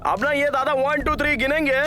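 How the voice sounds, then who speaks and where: A man's voice: extremely high pitch, normal speed, sharp tone. A man dubbing a sly, mocking schemer who wisecracks through a standoff in a Hindi film dub. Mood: scheming. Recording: dubbed film audio with music.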